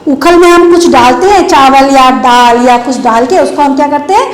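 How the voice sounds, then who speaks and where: A woman teaching letters to young children, speaking, who drags out each word and keeps asking the class to repeat. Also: sits high. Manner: drawn-out repetition of letters and words, coaxing questions. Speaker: kindergarten Hindi teacher. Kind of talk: slow, sing-song lesson for small children. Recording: echoey room with long reverb.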